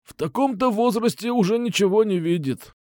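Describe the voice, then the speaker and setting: A man reading an audiobook, voicing an excitable rough male criminal who shouts and sneers. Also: high voice, moderate pace, no echo, studio quality, voice pushed up. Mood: excited. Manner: loud, exclaiming, sneering. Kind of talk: audiobook narration.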